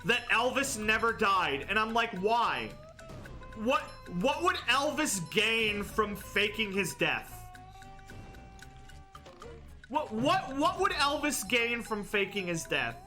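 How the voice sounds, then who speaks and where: A man's voice: sits high, sing-song, slow pace, pushed and bright. A young man giving casual, jokey gameplay commentary, rambling along with plenty of "like" and restarts. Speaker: gaming commentator. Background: game music.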